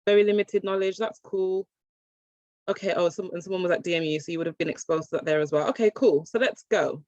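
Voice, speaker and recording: Over a video call with dry, muffled sound, an English woman presents a casual online workshop, chatting along with plenty of fillers and restarts. Her voice is mid-range with a darkish tone.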